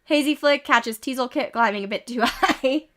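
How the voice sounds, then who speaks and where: A woman with a slightly high voice streams a game while a little under the weather. She reads in-game events aloud in a casual, chatty way, breaking off for quick amused asides. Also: fairly bright tone. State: a little sick, with occasional coughs.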